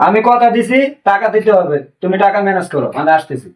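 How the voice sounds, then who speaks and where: A man's voice: high-pitched, lively intonation, fast talker. An actor playing a husband back from years abroad who insistently demands his savings, with a Bangladeshi accent. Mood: angry. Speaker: returned migrant worker. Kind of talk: amateur drama acting. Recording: voice distant from the mic.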